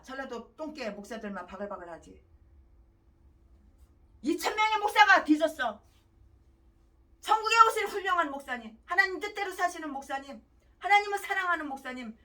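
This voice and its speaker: Shrill ranting woman preacher. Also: far from the mic. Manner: ranting, abrupt swings between shouting and muttering. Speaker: pastor. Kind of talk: sermon.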